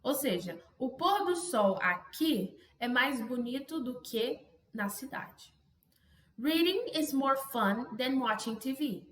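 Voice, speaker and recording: A Brazilian woman teaching an English grammar lesson, chatty and casual, often adding quick tag questions. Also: high-pitched, animated, fairly bright tone, echoey room. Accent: Brazilian Portuguese. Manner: chatty, self-interrupting, frequent "né?" tags. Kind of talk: online language lesson.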